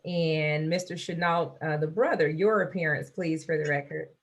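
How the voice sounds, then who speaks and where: A woman presiding as judge, her low, steady voice captured on a courtroom hearing recording made over a video call. She speaks in a measured, formal way, calling each person in turn to give their name for the record.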